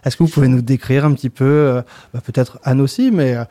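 A man hosting a radio interview, introducing guests and asking halting questions with many fillers. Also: mid-range voice, warm tone, no room sound. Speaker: radio host.

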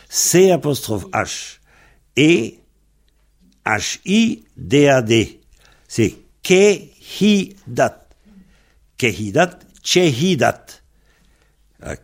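A man gives a methodical language lesson at an unhurried pace. His voice has a gravelly, fry-tinged texture. He works patiently through each word, spelling it out one letter at a time. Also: mid-range voice. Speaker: Breton language teacher.

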